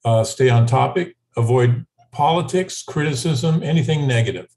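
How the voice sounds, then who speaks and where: A man co-hosting an online meetup over a video call, reading out the house rules in a relaxed way with filler pauses. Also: mid-range voice, rough recording. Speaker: co-host.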